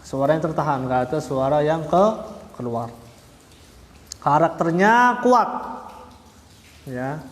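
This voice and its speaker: Slow-paced teacher in echoey hall. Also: male voice, a little high, expressive. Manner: slow, patient, repeats each point with drawn-out "ya"; sounds out Arabic letters syllable by syllable. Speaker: Quran recitation teacher. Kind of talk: religious lesson. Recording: echoey hall, roomy reverb.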